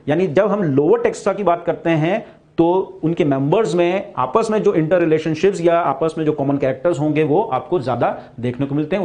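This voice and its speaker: Indian man teaching biology, a bit high. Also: a little mellow. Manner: explains in Hindi, then slowly restates key points in English. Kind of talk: recorded classroom lecture.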